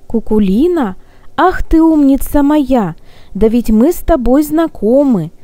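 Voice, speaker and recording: A gallant, gentle old gnome from a storybook, comforting and courtly in manner, read by a woman. The voice is fairly high and mellow, with a dry, close sound. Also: expressive, a little slow, dry recording. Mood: soothing. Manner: gallant, soothing.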